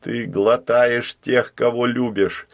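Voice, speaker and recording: A man voicing a bold, stubborn young boy who pleads and shouts with urgency. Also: medium pitch, steady tone, takes it slowly, lightly acted. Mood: urgent, pleading.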